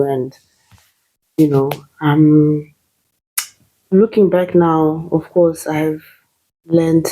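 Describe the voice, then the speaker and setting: An interview guest from Zimbabwe whose first language is Shona speaks in a low, mellow, soft voice. She talks hesitantly, using fillers and restarting sentences. The recording is rough.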